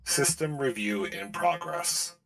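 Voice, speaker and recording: An ancient robotic core coming online, voiced by a man. It speaks in slow, clipped system announcements, pitched a bit above a normal male voice, with a bright, forceful edge. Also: expressive, gravelly, exaggerated voice. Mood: mechanical. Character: ancient machine core booting up. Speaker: game master.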